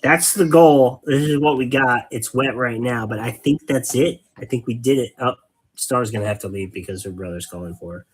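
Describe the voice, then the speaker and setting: A man with a medium-pitched, slightly rough voice speaks at a moderate pace while hosting a casual hobby painting live stream. He rambles, explains things patiently, and cracks corny dad jokes as he chats and paints.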